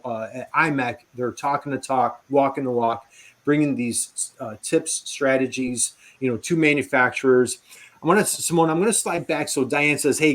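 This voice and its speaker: A man hosting a live video interview show, chatty and enthusiastic, rambling with fillers and building long questions around hypothetical scenarios. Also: mid-range voice.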